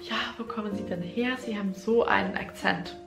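Her voice sits at a medium pitch, gravelly, at a normal pace, as this young adult woman earnestly tells the camera about being a German teacher despite not being a native speaker. Slightly non-native phrasing and hand gestures mark her casual delivery. She's framed head-and-shoulders by a front-facing camera in a small indoor room that echoes, with music behind her.

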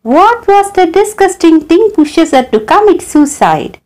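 A woman hosting her channel narrates a story as a scripted voice-over, with a dramatic, swooping storyteller's delivery. Her voice is very high, sing-song and darkish in tone, moving at a measured pace.

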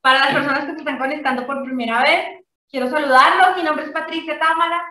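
Effusive Colombian woman host on a video call, bright and sharp, echoey and distant. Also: high-pitched, fairly even intonation, fast talker. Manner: effusive, affectionate, laughs often. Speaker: network marketing presenter. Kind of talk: live video call greeting. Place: home living room.

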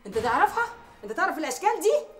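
Actress doing a snooty egyptian rich lady, low voice, swings all over, fast. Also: lively intonation, faint music behind, lightly acted. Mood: outraged. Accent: Egyptian Arabic. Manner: snappish, screeching when enraged. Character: haughty wealthy woman, quick to anger. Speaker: wealthy wife of the house.

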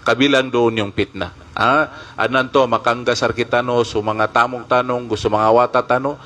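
A man's voice: mid-range voice, steady tone, moderate pace, sharp tone. Brief: male Islamic preacher, live lecture, Arabic recitation, frequent "ha?" checks, many fillers. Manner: recites Arabic hadith and Quran verses, then explains them in Filipino; mixes in Maguindanaon words.

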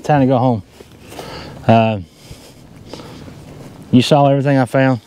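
A metal detecting vlogger, middle-aged with a Southern US accent, walks open farm fields and talks casually into a handheld or body-worn action camera in a folksy, relaxed style. His mid-range voice is dark and steady, delivered at a measured pace, on a rough recording with slight background noise.

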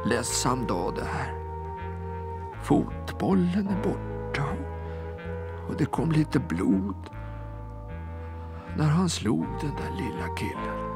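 A man reading a children's story aloud, expressive and sometimes dropping to a hush. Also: on the high side, pauses often, over loud music. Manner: expressive, hushed at times.

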